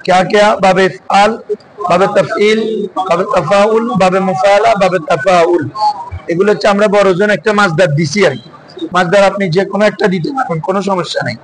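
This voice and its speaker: Bangladeshi guy teaching grammar, keeps firing questions at the class, high voice. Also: fairly even intonation, a little fast, a little hiss or hum, poor audio. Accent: Bangladeshi Bengali. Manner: drills students with repeated questions. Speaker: madrasa teacher. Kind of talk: classroom Arabic grammar lesson.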